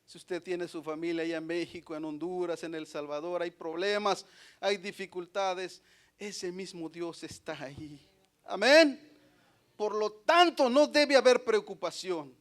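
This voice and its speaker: Man, pastor, high voice, Pentecostal sermon, loud swells and soft drops. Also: measured pace. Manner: preaching with sudden loud swells and soft drops, tag questions and amens. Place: church.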